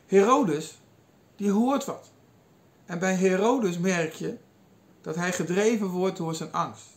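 A man with a high voice delivers a sermon as a retold story. He quotes the figures with lively changes in his delivery and pauses now and then with small hesitations. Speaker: preacher. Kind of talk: sermon retelling a Bible passage.

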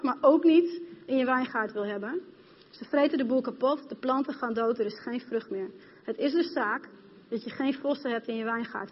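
Brief: female preacher, fairly high voice, passionate and direct with the congregation, long hall reverb, dull recording. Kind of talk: sermon. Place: church hall.

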